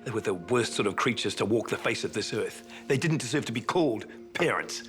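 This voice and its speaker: An actor with a New Zealand accent playing a secretive, brooding man who raised a girl, speaking slowly in a hushed, menacing way. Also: on the low side, lively intonation, close to an everyday voice. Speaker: actor in a TV series. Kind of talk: TV drama acting. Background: music.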